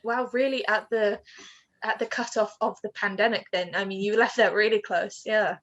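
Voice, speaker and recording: A woman's voice: mid-range voice, fairly even intonation, normal speed, fairly bright tone, dull audio. A woman hosting a podcast in an upbeat, polite way, with some "um" fillers as she phrases questions. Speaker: podcast host.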